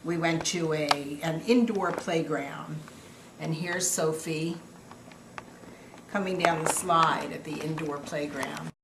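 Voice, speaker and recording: A sweet older woman talks affectionately, like a grandmother going through family snapshots. Her pace is very slow and her pitch a little low. The room is echoey, with clear noise behind her. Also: fairly even intonation. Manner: sweet, affectionate old-lady way of talking. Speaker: grandmother narrating family photos. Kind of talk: casual reminiscing over photos.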